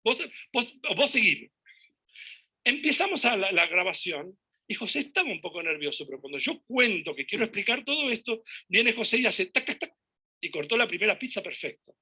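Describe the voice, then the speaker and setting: A man with a Rioplatense accent tells a story to an audience in an animated, lively way. His voice is rather high and very bright. He keeps acting out conversations and gestures as he talks. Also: brisk, husky. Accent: Rioplatense Spanish. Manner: animated, acts out dialogue and gestures while telling anecdotes. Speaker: speaker giving a talk.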